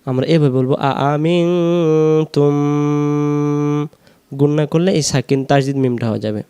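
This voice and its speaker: A man teaching Quran recitation, slowly drawing out the verses and then explaining each sound quickly. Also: mid-range voice, warm tone, faint music behind. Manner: slow drawn-out recitation alternating with quick explanations.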